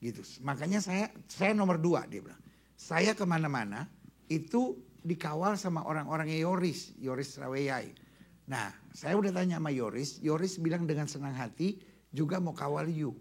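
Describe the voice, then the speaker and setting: A man's voice: on the high side, lively intonation, normal speed, slightly rough. A middle-aged man, a pastor, telling funny stories in a humorous sermon, joking and laughing at his own punchlines. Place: church retreat hall.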